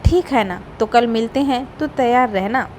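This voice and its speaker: A cheerful young friend from a moral story, voiced by a woman narrator. She sounds breezy and friendly in a fairly high voice. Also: moderate pace, darkish tone, a little hiss or hum, close to an everyday voice.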